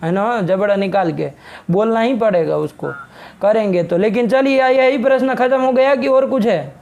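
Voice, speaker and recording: A middle-aged man teaching a Sanskrit grammar class online, brisk and scolding as he presses a student to state his question clearly. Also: high-pitched, a little mellow, lo-fi sound.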